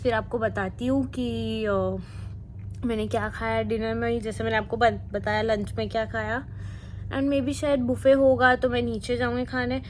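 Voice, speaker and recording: A young flight crew member with a fairly high voice chats casually to her phone camera from a hotel room, sprinkling English words into her Hindi. This vlog-style talk has a little hiss or hum in the background.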